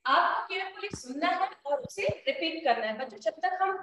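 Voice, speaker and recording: A young Indian woman teaching an English lesson to children, explaining slowly in a mix of Hindi and English. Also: very high-pitched, lively intonation, bright, forceful tone, slight background noise. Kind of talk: online class lesson. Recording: echoey, distant from the mic.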